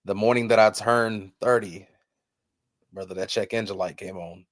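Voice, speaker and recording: A man in his thirties hosting a podcast, talking in an earnest, heartfelt way with many halting restarts. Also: fairly low pitch, steady tone, dry recording. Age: 30s. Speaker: podcast host. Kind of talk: casual chat.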